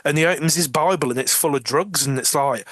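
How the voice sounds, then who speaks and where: Male podcast co-host, fairly high voice, animated retelling, frequent laughs and restarts. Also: quick pace, no echo, clean studio sound. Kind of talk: casual chat, retelling TV scenes.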